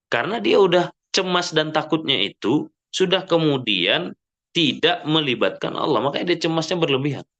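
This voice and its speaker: A man giving an Islamic sermon in a mosque, lively and full of rhetorical questions, often checking with the audience. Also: fairly high pitch, moderate pace. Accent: Indonesian. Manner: frequent "ya kan?" checks with the audience. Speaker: preacher.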